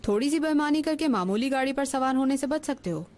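A woman's voice: sits high, expressive, quick pace, darkish tone. A woman voicing a cheeky, nosy young boy in a dubbed drama, who bluntly pesters an adult with the same question.

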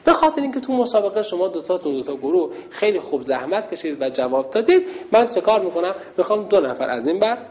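A woman teaching girls a religious lesson, shouting call-and-response cues and giving cheerful praise. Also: fairly low pitch, big pitch swings, hardly any pauses. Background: children's chatter.

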